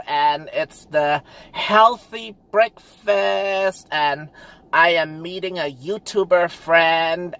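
Slow-talking giggly man vlogging. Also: high-pitched, a bit bright. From Canada. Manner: giggly, chatty, cheeky jokes. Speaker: vlog host. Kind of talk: casual mukbang chat.

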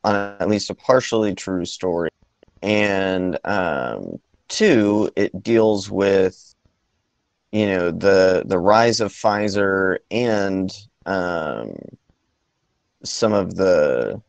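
Guy on a movie podcast, real low gravelly voice, slow and kinda halting, dry close sound. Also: animated, no room sound, muffled recording. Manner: hesitant, many ums and restarts. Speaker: podcast co-host. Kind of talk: casual movie podcast chat.

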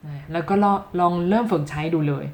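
Lively Thai woman teaching English. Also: low voice. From Thailand. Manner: lively, repeats example phrases slowly with stress, talks straight to the viewer. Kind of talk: casual video lesson.

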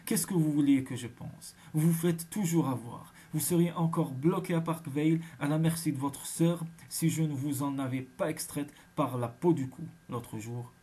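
A man reading the lines of a hot-tempered, overbearing husband in an audiobook, lecturing forcefully. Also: a little high, moderate pace, hardly any pauses, slightly rough. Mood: scolding.

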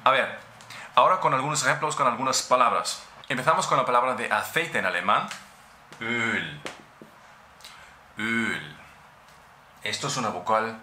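A man from Austria, a German speaker with an Austrian German accent, gives a relaxed Spanish-language lesson on pronunciation and patiently repeats each sound many times. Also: mid-range voice, roomy sound, a little hiss or hum. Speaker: German teacher.

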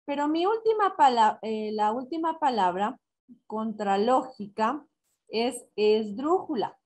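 A woman teacher explains a lesson in a slow, deliberate way, going step by step. She counts syllables out loud and asks herself questions before answering them. Her voice sits a little high. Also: lively intonation. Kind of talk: recorded online class. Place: school in Ecuador.

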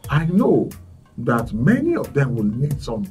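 A man, hosting a talk show with measured, formal phrasing. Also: mid-range voice, huge pitch swings, a little mellow. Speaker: podcast host. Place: studio set. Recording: distant mic, faint music behind.

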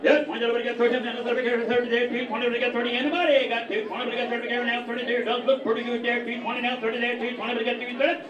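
A man auctioneering at a cake auction, rattling off bids in a rapid rhythmic chant. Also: extremely high pitch, little pitch movement. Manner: rapid rhythmic bid calling. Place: large community hall with crowd. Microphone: handheld mic, heard from far. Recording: roomy distant lo-fi hall recording with crowd.

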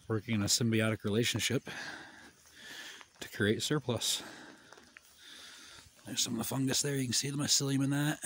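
With a mid-range voice and slight background noise behind him, a permaculture farmer in his fifties walks outdoors through his terraced, wooded hillside garden. He rambles in a relaxed, plain-spoken way, speaking into a phone held out at arm's length.

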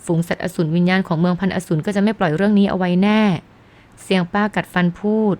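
A woman calmly narrating a novel in a scripted audiobook reading. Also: fairly low pitch, fast talker.

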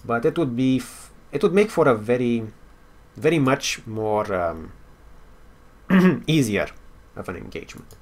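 A man's voice: mid-range voice, expressive, measured pace, a little mellow. A man giving casual gameplay commentary, thinking aloud with wry asides and now and then reading story text out. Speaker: game player and commentator.

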